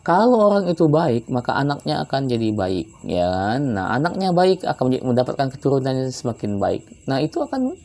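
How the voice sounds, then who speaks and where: Relaxed man giving religious advice. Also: mid-range voice, fairly quick, few pauses. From Palembang, South Sumatra. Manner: relaxed and chatty, often adds "ya kan" tag questions. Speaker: Islamic religious teacher. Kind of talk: conversational religious advice talk.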